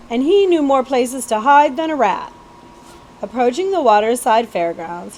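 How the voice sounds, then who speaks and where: A woman with a slightly high voice reads a children's story aloud like a librarian, animated and expressive, though she stumbles now and then and adds asides. The low-quality recording carries slight background noise.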